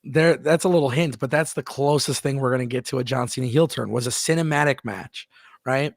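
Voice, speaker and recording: Speaking fairly quickly in a mid-range voice, a man hosts a live wrestling chat stream, hammering his points with repeated words and reading out messages from viewers. The sound is clean and studio-quality, without echo.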